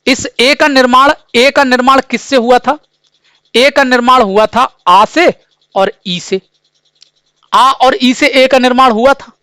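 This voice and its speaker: A man with a strikingly high, smooth, resonant voice teaches an exam-prep grammar class. He asks a question, then answers it himself, drilling the same terms again and again. The sound is dry and close to the mic. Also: steady tone, measured pace, bright, forceful tone, no room sound. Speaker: Hindi teacher.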